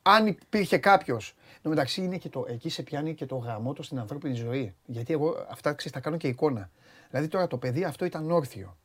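A man's voice: a little high, animated. A man hosting a sports radio show, chatting casually and animatedly, often exclaiming and acting out quotes.

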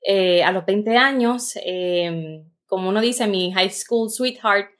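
A woman's voice: mid-range voice, takes it slowly. Puerto Rican woman coach, chatty. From Puerto Rico. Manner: thoughtful, frequent "eh" and "¿verdad?" fillers. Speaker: podcast guest, career coach. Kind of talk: casual interview chat.

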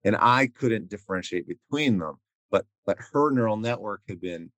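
A man's voice: fairly low pitch, expressive, moderate pace, fairly bright tone, dry recording. A man as a podcast guest, explaining ideas step by step through everyday examples in casual conversation. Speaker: guest expert.

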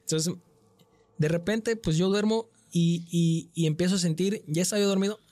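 A man with a Mexican accent and a fairly high voice recounts a frightening night in a loose, slangy storyteller's way, full of swearing. The sound is close and dry, with no room around it. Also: moderate pace, no room sound. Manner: frequent slang and swearing, animated retelling. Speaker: guest telling a paranormal experience. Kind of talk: casual storytelling chat.

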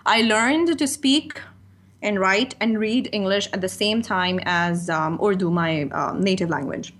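Her voice sits at medium pitch with a fairly bright tone, and she talks at a measured pace. She's a Pakistani freelance writer in her thirties, a candid, chatty interview guest who laughs easily and says "you know" a lot in this casual conversation.

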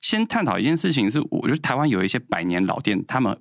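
A man's voice: mid-range voice, fast, creaky, no room sound, studio quality. A man in his thirties with a Taiwanese Mandarin accent, a guest telling sales stories in casual chat and acting out what others said. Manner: animated, acts out quoted dialogue.

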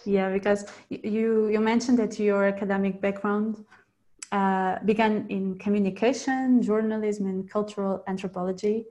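A woman's voice: mid-range voice, little pitch movement, moderate pace, mellow. A woman hosting a podcast interview, reading a friendly introduction and then asking questions with small stumbles. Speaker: podcast host.

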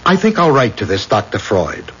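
An actor playing a rational, patient old-time town doctor who reasons and explains. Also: male voice, fairly low pitch, very animated, moderate pace, fairly bright tone. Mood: intrigued. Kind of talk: period drama acting. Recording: dull, hissy old recording.

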